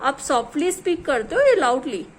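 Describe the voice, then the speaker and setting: A woman's voice: sits high, big pitch swings, normal speed, a little hiss or hum. A woman teacher giving a home lesson to a small child, patiently drilling word pairs and mixing English words into Hindi.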